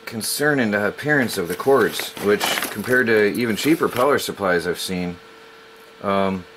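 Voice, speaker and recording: A middle-aged man with a lowish voice hosts a casual unboxing video for a tech channel, with background noise audible. He rambles and stumbles over his words, correcting himself as he goes.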